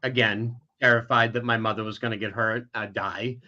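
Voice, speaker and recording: A man's voice: lowish voice, steady tone, normal speed, pushed and bright, dull audio. A middle-aged man, an interview guest, candidly telling a painful personal story with many restarts.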